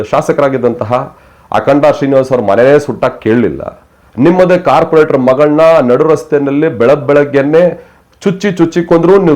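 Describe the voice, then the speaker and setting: A man's voice: mid-range voice, a little mellow. A man delivering impassioned political commentary, scolding his listeners with fiery rhetorical questions. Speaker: news commentator.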